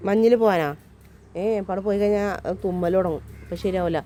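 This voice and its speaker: A woman with a Malayali accent, chatting casually in a family vlog and teasing her child, her voice rough from a lasting cold. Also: medium pitch, fairly even intonation, fairly quick, mellow, soft background music. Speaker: vlogger, mother. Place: outdoors.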